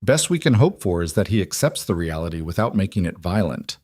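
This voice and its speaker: A man voicing a calm rancher who speaks levelly and plainly. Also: low-pitched, a little fast, no room sound, clean studio sound. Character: calm, steady rancher husband. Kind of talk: audiobook character voice.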